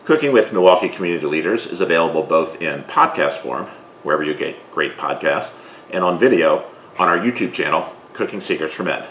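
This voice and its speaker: A man hosting an interview, asking long questions in a relaxed way with plenty of fillers. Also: deep voice, a little fast. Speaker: host. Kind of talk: casual interview. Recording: echoey room with faint noise.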